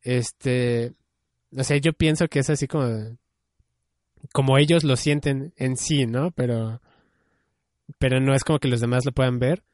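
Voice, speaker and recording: A man's voice: medium pitch, steady tone, a little slow, long pauses, a little mellow, no room sound, clean studio sound. A young man chatting casually, musing and hedging with many fillers. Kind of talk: casual chat about anime.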